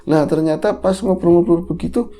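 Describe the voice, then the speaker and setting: A man's voice: sits high, steady tone, moderate pace, warm tone. A man hosting a casual horror podcast, animatedly retelling a spooky story and acting out its dialogue. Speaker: host.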